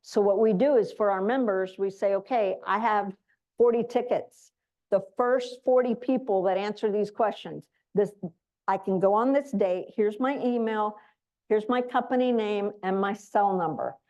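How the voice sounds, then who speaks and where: The audio is dull as a woman with a mid-range, slightly mellow voice speaks at normal speed. She's an association speaker on global programs, casually running through announcements for an audience.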